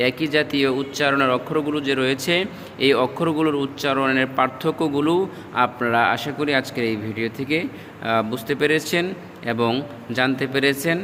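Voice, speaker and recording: A man teaching Quran letter pronunciation, chanting each syllable slowly and adding quick spoken tips on where the tongue goes. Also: medium pitch, fairly even intonation, a bit bright, big-room sound, slight background noise. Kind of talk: slow drilled pronunciation lesson.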